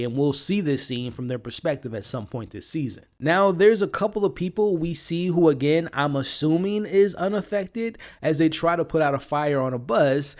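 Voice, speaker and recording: Man narrating a scripted recap. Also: medium pitch. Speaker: video host recapping a TV series.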